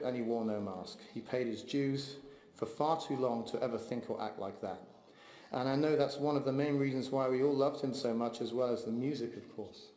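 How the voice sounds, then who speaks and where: Reading aloud in a large memorial hall, the deceased's son offers a heartfelt eulogy for his father. His delivery is measured and steady, his voice mid-range, and the hall's echo produces long reverb.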